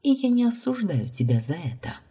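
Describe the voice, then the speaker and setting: A woman's voice: mid-range voice, very animated, a little fast, mellow, breathy edge, voice pushed up, exaggerated voice. A woman reading as a heartbroken young heroine. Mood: desperate. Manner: pleading, tearful, rising to outbursts.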